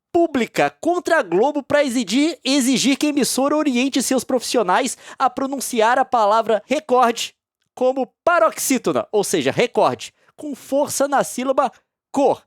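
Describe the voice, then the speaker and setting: A woman's voice: high voice, no echo, clean studio sound. Sarcastic Brazilian woman commentator. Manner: sarcastic, mocking with heavy repeated emphasis and sudden loud outbursts. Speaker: host. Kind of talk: casual commentary reading a news story aloud.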